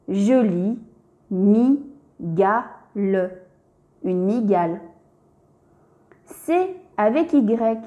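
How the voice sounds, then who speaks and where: A woman's voice: fairly high pitch, warm tone. A woman narrating a scripted reading lesson for young children, spelling out letters and syllables one by one and speaking to the child directly.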